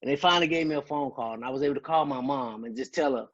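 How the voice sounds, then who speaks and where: A man speaks in a medium-pitched, fairly bright voice at a rapid-fire clip, though the audio is dull. He's a guest speaker sharing an emotional personal testimony, telling his story with earnest conviction and quoting dialogue along the way.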